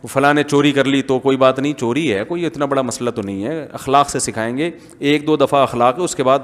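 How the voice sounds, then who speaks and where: A man with a Pakistani Urdu accent giving a humorous, rhetorical reformist sermon as an Islamic scholar. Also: medium pitch. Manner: humorous, rhetorical, mimics voices. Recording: long hall reverb.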